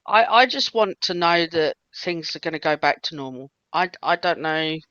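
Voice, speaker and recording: A woman narrating as game master in a tabletop game, halting, with lots of fillers and laughter. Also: sits low, lively intonation, pushed and bright, no room sound, lo-fi sound.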